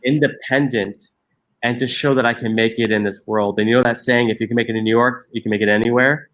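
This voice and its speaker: A fast talker with a mid-range, slightly bright voice and fairly even intonation, this Egyptian man in his forties discusses his social entrepreneurship in a reflective interview. He is earnest, restarting sentences often and leaning on fillers.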